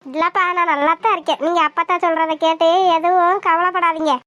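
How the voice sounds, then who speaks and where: A woman voices a bold, lively young village girl for a cartoon, speaking up plainly and without fear. Her voice sits very high. The sound is dry and close. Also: brisk, dry recording, muffled recording. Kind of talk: cartoon voice acting.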